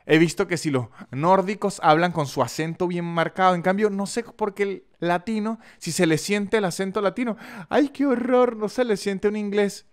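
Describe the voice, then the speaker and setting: Male podcast host, Venezuelan Andean accent, expressive and joking, stumbles often; pitched a bit high. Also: normal speed, few pauses, smooth. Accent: Venezuelan Andean, San Cristóbal. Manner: chatty and expressive, jokey asides, frequent stumbles. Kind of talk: casual podcast monologue with ad reads.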